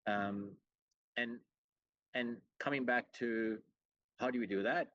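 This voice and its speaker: A middle-aged man with a mid-range, fairly bright voice speaks slowly with fairly even intonation, and a little hiss or hum sits under him. He is a chief executive born in Sri Lanka and long living in Australia, earnestly explaining his answers as an interview guest with plenty of "you know"s. The video call has a dull, roomy sound.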